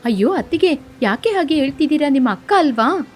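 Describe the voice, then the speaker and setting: A woman voicing a kind-hearted young woman who pleads gently in a cartoon story. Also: high-pitched, expressive, a little fast, faint music behind. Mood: pleading.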